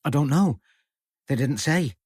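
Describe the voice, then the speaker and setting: A man reading aloud voices a good-natured young serving girl with a Norfolk accent, fussy and excitable. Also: a little high, measured pace, breathy edge, no room sound, clean studio sound, voice pushed up. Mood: flustered.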